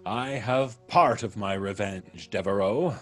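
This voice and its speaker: In old-time radio style, a man plays a vengeful ex-convict blackmailer who threatens with a taunting, mock-polite menace. His voice is fairly low and slow, with faint music in the background.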